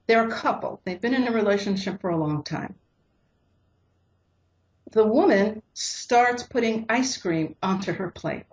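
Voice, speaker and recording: A woman counselor calmly explaining couples' conflicts in an interview, sometimes acting out what partners say. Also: mid-range voice, unhurried, highs cut off. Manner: acts out quoted couples in lively voices. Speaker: relationship counselor.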